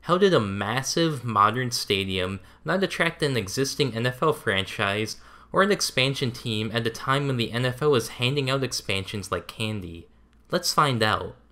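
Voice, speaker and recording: A man reading scripted documentary narration in an even, measured way. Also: lowish voice.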